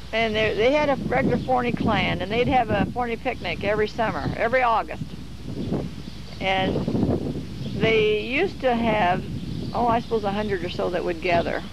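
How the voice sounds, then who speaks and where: An elderly woman in her nineties from Iowa recalls family memories at an unhurried pace. She pauses to search for her words, and her voice is gravelly. A noisy hiss sits behind her. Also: medium pitch. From Iowa, USA. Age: 90s. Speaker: interviewee. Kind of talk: oral history reminiscing.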